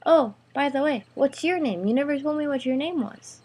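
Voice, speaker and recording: A woman's voice: sits high, lively intonation, moderate pace, darkish tone, pitched above the performer's own voice. A woman voicing a cheeky, awkward fifth-grade boy who sounds chirpy and innocent. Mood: sly.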